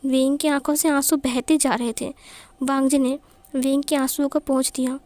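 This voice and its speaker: ऊँची आवाज़ वाली कहानी सुनाती महिला. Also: female voice, high voice, level tone, normal speed, a little mellow, no room sound. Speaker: fan fiction narrator. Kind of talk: storytelling narration.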